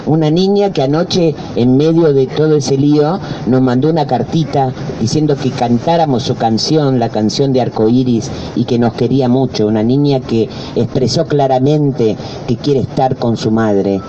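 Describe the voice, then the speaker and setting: Mellow-voiced man giving a protest speech. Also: medium pitch, normal speed, few pauses, dull audio, slight background noise. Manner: urgent, rallying. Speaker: activist speaker.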